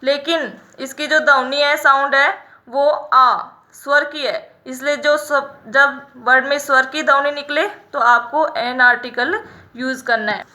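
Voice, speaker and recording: A woman teaching English grammar in a lesson, explaining each example slowly and repeating the rule. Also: sits high, fairly even intonation, bright, forceful tone. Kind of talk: classroom-style grammar lesson.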